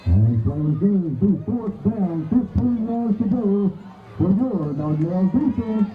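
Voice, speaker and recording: Man, stadium announcer, formal, drawn-out, high voice, echoey tinny PA sound. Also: big pitch swings, soft background music. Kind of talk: public address announcing. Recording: echoey phone-like stadium PA sound, distant crowd.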